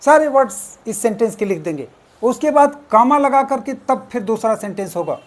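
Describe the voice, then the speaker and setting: An exam coaching teacher explaining test answers, deliberately repeating and spelling out words step by step. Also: mid-range voice, expressive. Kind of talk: explaining exam answers, mixing English terms.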